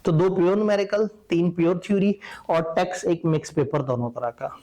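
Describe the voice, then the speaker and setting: Man, teacher, casual wry lecture, opinionated, slightly high voice. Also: lively intonation, a little fast, warm tone. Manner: conversational, wry and opinionated explaining. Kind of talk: lecture to accountancy students.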